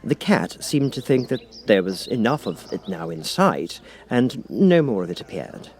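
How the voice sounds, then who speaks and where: A man's voice: medium pitch, sing-song, a little slow, creaky. A man reading a children's story as a scripted audiobook narration.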